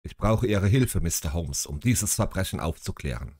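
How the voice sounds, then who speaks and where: Man reading as a gruff demanding English lord. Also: sits low, lively intonation, moderate pace, a little mellow, no room sound, clean studio sound. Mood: stern. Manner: curt, commanding.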